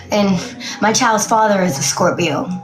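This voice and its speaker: A woman's voice: mid-range voice, slow pace, over music. A woman in her late twenties speaking bluntly and candidly in a casual interview, laughing often. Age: 20s. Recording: roomy echo.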